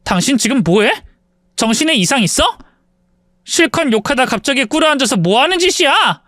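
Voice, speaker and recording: Here a man plays an angry wife hurling scorn at her husband, his medium-pitched delivery raised above his own voice but still near an everyday tone. He is expressive and speaks at normal speed, recorded cleanly in a studio without echo.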